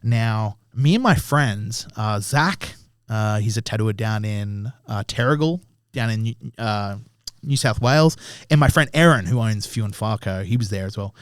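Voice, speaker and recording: A man's voice: fairly low pitch, lively intonation, measured pace, clean tone, no echo, studio quality. A young man, a tattoo artist guest on a podcast, telling rambling anecdotes in casual chat and swearing freely. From Australia. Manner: swears often, acts out voices in his anecdotes.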